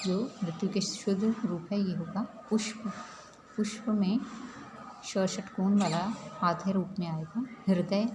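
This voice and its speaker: A woman teacher with a fairly low voice works through a grammar worksheet. She explains each item in a steady, patient way and keeps checking in with her students. The room echoes and a loud hum sits under her voice.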